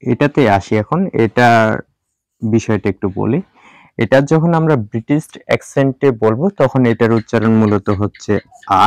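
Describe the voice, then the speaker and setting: A man teaching English pronunciation in Bengali, repeating each sound slowly and mixing in English words. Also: mid-range voice, a little mellow, no room sound. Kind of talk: spoken language lesson.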